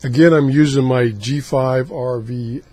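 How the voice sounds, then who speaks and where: A man casually demonstrating radio scanning, haltingly thinking aloud as he goes. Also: medium pitch, noisy background. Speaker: radio hobbyist host.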